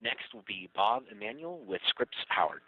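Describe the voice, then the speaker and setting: A man's voice: lowish voice, expressive, normal speed, no room sound. A man making scripted announcements as the operator of a telephone conference call. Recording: tinny phone line, dry.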